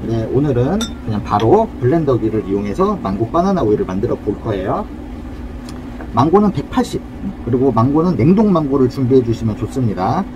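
A man's voice: mid-range voice, very animated, brisk, lo-fi sound, background noise. A man demonstrating a cafe drink recipe at a counter, explaining each step in a friendly, polite way. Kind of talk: casual cooking demonstration.

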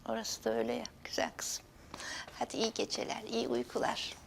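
An actress playing a weary, kindly older woman in a TV drama, motherly and resigned, with a creaky voice. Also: fairly high pitch, expressive, normal speed, slight background noise. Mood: tender, hushed. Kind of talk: TV drama acting.

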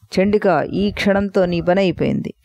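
A woman's voice: medium pitch, moderate pace, vocal fry, darkish tone, no echo, clean studio sound, close to an everyday voice. A woman voicing an arrogant, raging male buffalo demon who boasts and taunts in a storybook telling. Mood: taunting.

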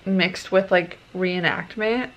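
A woman in her thirties chatting casually to a handheld camera at home, relaxed and rambling with fillers. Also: on the low side, takes it slowly, lo-fi sound. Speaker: vlogger. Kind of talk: casual vlog chat. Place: home kitchen and living room. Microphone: handheld camera at arm's length.

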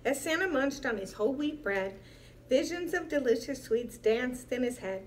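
A woman reading a children's picture book aloud in a lively, expressive way with playful emphasis. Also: high voice, moderate pace, a little hiss or hum. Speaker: storyteller.

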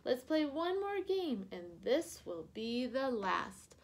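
Mischievous little monkeys, squealing and high, a woman doing them. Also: very animated, slow pace, heavily acted. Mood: excited.

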